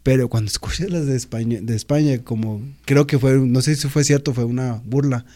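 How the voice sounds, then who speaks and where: A man's voice: medium pitch, brisk, dark tone. A man co-hosting a casual podcast, blunt and teasing, swearing casually. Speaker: podcast co-host. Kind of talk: casual chat.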